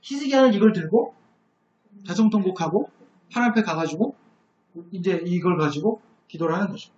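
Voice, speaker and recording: A man giving a live Bible lecture, telling the story in an animated way and asking rhetorical questions. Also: high-pitched, fairly quick. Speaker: Bible teacher. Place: lecture room. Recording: echoey, dull lo-fi lecture room recording.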